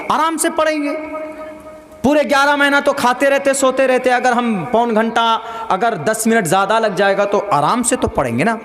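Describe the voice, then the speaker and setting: A man's voice: very high voice, a bit bright, reverberant, in a large hall. A man preaching, who demonstrates Quran recitation in chant and then scolds in plain speech. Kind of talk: sermon teaching Quran recitation.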